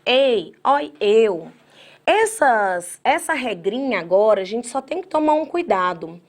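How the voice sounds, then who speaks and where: Lively Brazilian woman teaching grammar. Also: fairly high pitch. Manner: lively, talks straight to students, acts out their objections; spells words out slowly by syllable. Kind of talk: online exam-prep lecture.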